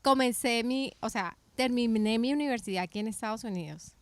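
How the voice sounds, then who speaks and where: Lively woman telling her story. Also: a little high, fairly quick, no room sound. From Colombia. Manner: animated storytelling with many restarts and self-corrections. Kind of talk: casual faith podcast chat.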